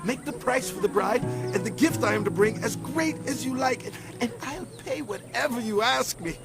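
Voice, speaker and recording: A high, swooping male voice plays an eager, lovestruck young prince in a biblical audio drama. He speaks with earnest emphasis, with music clearly playing underneath. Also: animated, moderate pace, heavily acted. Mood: pleading.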